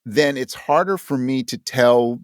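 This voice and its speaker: An audio drama writer appears as an interview guest, talking conversationally in an average-pitched voice. He's thoughtful and a little slow, searching for words and correcting himself, in a very dry recording with no echo or room sound.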